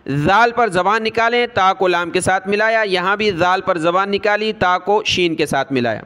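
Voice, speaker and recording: With a high, bright, smooth voice and a forceful tone, a man guides listeners through Quran recitation letter by letter. He names each letter and vowel mark, lays out the pronunciation rules, and chants the verses at a slow pace.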